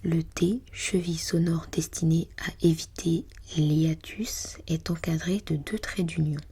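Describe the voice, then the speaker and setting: A woman whispering breathily as in a library, reading aloud for ASMR in a hushed, unhurried, musing way. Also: deep voice, steady tone, breathy edge. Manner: hushed, unhurried, murmuring to self while reading. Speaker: ASMR host.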